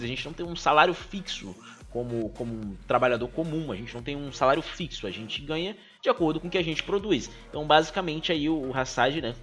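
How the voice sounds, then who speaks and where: A man's voice: on the high side, fairly bright tone. A young man with a Brazilian Portuguese accent, a streamer giving his opinion in casual commentary, earnest and full of fillers and restarts. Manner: earnest, fills speech with "cara" and "né", restarts often.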